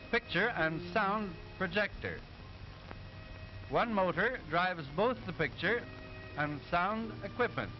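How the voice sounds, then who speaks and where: This is the high voice of a cartoon professor in an early talkie film, patiently explaining machinery to pupils as the narrator of a piece on sound film. His lecturing is measured, clearly enunciated and didactic, set against a dull, vintage soundtrack with music.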